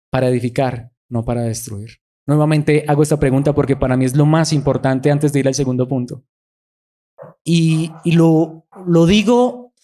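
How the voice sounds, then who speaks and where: A man's voice: mid-range voice, dark tone. A man preaching a sermon as pastor to his congregation, earnest, with his emphasis rising and falling. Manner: earnest, rises and falls in emphasis.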